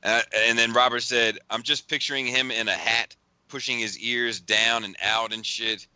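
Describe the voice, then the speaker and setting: Male podcast host, casual storyteller, laughs and swears, crisp bright tone. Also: medium pitch, fairly even intonation, normal speed, no echo. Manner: rambling storyteller, laughs often, retells texts with swearing. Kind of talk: casual chat.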